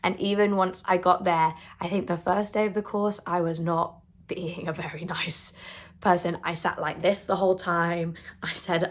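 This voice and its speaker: A woman in her twenties speaks in a slightly low voice, calm and earnest. She reflects on awakening in a gentle spoken monologue, repeating words for emphasis. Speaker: spiritual channel host.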